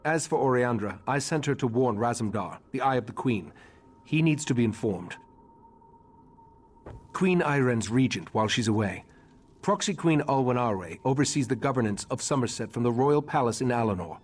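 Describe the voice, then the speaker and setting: A male actor voices a grave, remorseful, scholarly elderly high elf who leads the mages in a fantasy game. His mid-range, slightly husky delivery is formal, measured and solemn, expressive yet close to an everyday voice, as he gives informative exposition.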